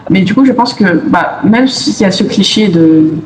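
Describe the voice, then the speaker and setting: A woman's voice: medium pitch, lively intonation, normal speed. Young French woman in an echoey room. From France. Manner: reflective, explains at length. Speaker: guest, exchange student. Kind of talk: casual interview. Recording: echoey room, faint noise.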